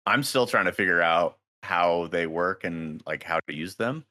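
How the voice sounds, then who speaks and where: Very deep-voiced hesitant man. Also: expressive, moderate pace, pushed and bright. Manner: hesitant, repeats words, laughs easily. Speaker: podcast co-host. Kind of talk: casual hobby podcast chat.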